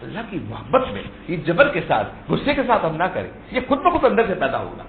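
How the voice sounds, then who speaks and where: A man's voice: fairly high pitch, wildly swooping pitch, roomy sound, narrow, tinny audio, slight background noise. A man giving a religious sermon in a storytelling way, repeating key words and rising for emphasis. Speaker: Sufi preacher.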